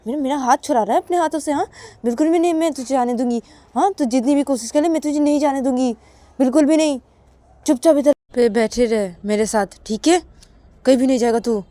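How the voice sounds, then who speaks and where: A woman's voice: high-pitched, brisk, warm tone, no room sound, voice pushed down, close to an everyday voice. A woman voicing a possessive, stubborn older sister who keeps insisting and demanding answers in a spoken storybook. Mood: domineering. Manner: insistent, repeatedly demanding "haan?".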